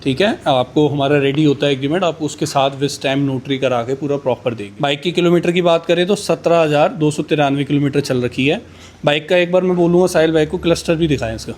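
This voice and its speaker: A man pitching used superbikes in a casual, boastful way, rattling off price countdowns. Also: fairly quick, darkish tone.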